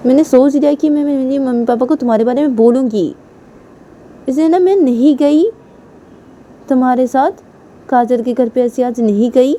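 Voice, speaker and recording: A whiny young woman pleads and coaxes her angry girlfriend, asking again and again what the fuss is about, as a woman storyteller voices her. Her voice sits high and mellow, dropping quiet as she begs. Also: normal speed, pauses often. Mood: pleading.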